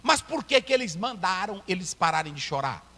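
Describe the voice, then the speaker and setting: A man preaching a sermon as a pastor, breaking into loud shouted climaxes. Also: high-pitched, big pitch swings, fairly quick. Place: church hall. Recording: echoey church hall, long reverb.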